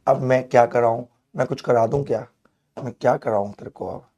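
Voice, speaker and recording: A hoarse man teaching chemistry in a live online class, playful and coaxing as he works through problems with his students. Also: medium pitch, moderate pace, dark tone, muffled recording. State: hoarse, strained throat.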